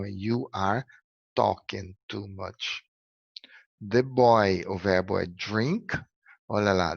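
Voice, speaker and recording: A man from Brazil teaching an English lesson with unhurried, patient explanations. His low, gravelly voice sounds a little husky. The recording is dry and dull, with a slightly lo-fi sound. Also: dry recording. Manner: patient, step-by-step explaining, frequent "ok?" checks.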